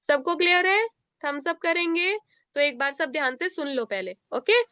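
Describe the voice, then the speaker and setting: An Indian woman teaching a children's class over a video call, explaining slowly and patiently step by step. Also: sits high, expressive, bright, forceful tone, no echo. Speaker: online teacher. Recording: dull lo-fi video call audio.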